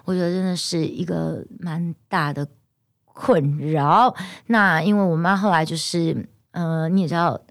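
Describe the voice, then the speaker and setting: A hoarse woman with a Taiwanese Mandarin accent hosts a solo podcast in a lowish voice. She tells her story with indignant, animated energy in a casual monologue. The recording is dry and close, with no room sound. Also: a little slow, dry recording. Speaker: podcast host.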